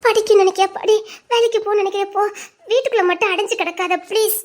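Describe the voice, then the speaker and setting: A woman's voice: extremely high pitch, fairly even intonation, fast talker. A woman playing a caring young friend who coaxes and reassures in an audio drama. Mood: coaxing. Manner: coaxing, reassuring. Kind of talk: Tamil audio drama acting.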